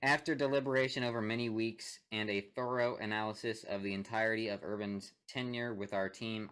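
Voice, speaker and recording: A man's voice: lowish voice, a bit bright. A young man co-hosting a casual sports podcast, reading statements aloud with joking asides and frequent laughs. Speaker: podcast co-host.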